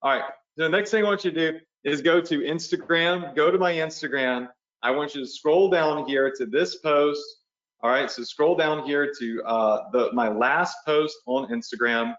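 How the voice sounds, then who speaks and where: A man's voice: mid-range voice, moderate pace, a bit bright, echoey room. Guy hosting a live online training, chatty, keeps asking if everyone's with him, kinda muffled sound. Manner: chatty, checks in with the audience often. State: has the hiccups. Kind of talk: casual live webinar walkthrough.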